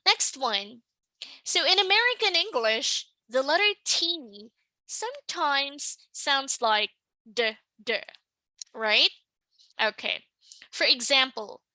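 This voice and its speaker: A woman teaching English pronunciation in a slow, patient lesson, often checking in with the listener. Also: sits high, bright, forceful tone, dry recording, rough recording. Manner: patient, checks in with "right?" and "okay?".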